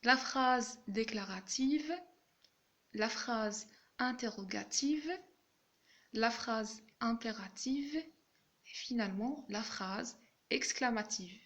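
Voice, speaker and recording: Slow, bright-voiced woman teaching grammar. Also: a little high. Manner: slow, careful explaining with examples. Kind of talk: grammar lesson.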